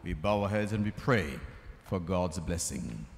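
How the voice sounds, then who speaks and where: A man leading funeral committal prayers as a priest, in slow, measured liturgical recitation. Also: low voice, expressive. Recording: reverberant space with faint music.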